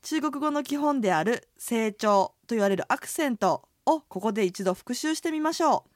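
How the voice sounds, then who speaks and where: A woman's voice: on the high side, normal speed, dry recording, studio quality. A woman who runs an inn, co-hosting a radio language lesson and explaining phrases in a friendly, explanatory way. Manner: lively, explanatory, friendly presenting. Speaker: inn proprietress and co-host.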